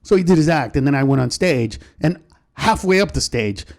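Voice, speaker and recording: A middle-aged male comedian, a podcast guest, telling a story in a rapid, profane way and acting out the voices in it. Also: fairly high pitch, expressive. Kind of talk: animated storytelling in a podcast chat.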